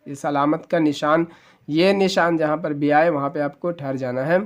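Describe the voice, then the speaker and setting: A man's voice: on the high side, fairly even intonation. A male Quran teacher giving a letter-by-letter spelling lesson, patiently explaining the reading rules and stretching out each joined word. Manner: spells syllables slowly, then draws out the joined word.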